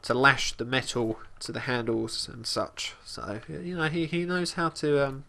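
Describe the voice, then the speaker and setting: A man casually commenting on his gameplay as host, talking about his character in third person with halting restarts and fillers. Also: medium pitch, level tone, creaky, bright, forceful tone. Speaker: let's play host.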